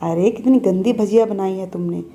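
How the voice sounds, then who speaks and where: A woman voicing a fussy, scolding older mother-in-law who nags and shouts orders at her daughter-in-law in a storybook. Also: normal speed, close to an everyday voice. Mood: nagging. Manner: shrill, nagging, shouts orders.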